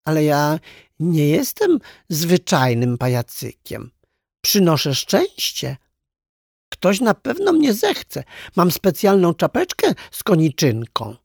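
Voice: medium pitch, sing-song, slow, creaky, breathy edge, no room sound, clean studio sound, pitched above the performer's own voice, heavily acted. A storyteller voicing a small, lonely jester toy who hopes a child will take it home, in a children's storybook reading. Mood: earnest. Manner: earnest and eager. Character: cheerful little jester toy, lonely and hopeful.

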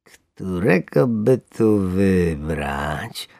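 Man doing a slow contented angler. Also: deep voice, lively intonation, creaky, darkish tone, no room sound, studio quality, heavily acted. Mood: gleeful. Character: cheerful young male angler, relaxed and gleeful.

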